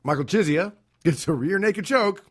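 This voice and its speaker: A man's voice: high voice, lively intonation, moderate pace. Easygoing male podcast host, casual, giggly, reading off results. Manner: laughs often, reads off results loosely. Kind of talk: casual chat about fight results.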